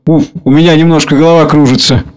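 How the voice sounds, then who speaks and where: A man's voice: on the high side, fairly even intonation, fast talker, a little mellow, clean tone, close to an everyday voice. A man reading aloud, voicing a newly rich merchant overwhelmed by his own triumph. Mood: dazed. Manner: bursting, dazed triumph.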